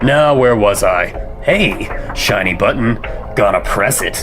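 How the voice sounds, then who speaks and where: Man playing a low-voiced, flippant radio showman. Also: expressive, unhurried, over loud music. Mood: flippant, grandiose. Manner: grandiose, sardonic showmanship. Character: flippant, manic male underground radio host, gleefully morbid. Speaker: radio host and announcer. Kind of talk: theatrical radio hosting and mock ad narration.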